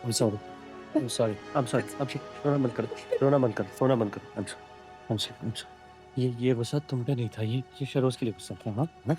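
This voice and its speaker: An actor playing a young husband who is protective and quick-tempered but tender, talking earnestly in a TV drama. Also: male voice, mid-range voice, darkish tone, soft background music, natural voice. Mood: apologetic. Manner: earnest, swings between urgent worry and teasing. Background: drama background score.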